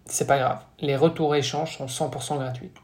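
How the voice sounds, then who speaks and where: A man who co-hosts a podcast, reading a scripted sponsor message in a brisk, smooth delivery. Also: a little high, steady tone, a little mellow. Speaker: podcast co-host and brand founder. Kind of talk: scripted ad read.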